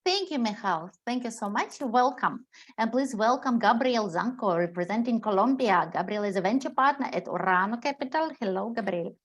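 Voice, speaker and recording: A woman's voice: on the high side, lively intonation, moderate pace. A woman hosting an online startup event, introducing judges one by one in an upbeat way. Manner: upbeat, thanks each guest.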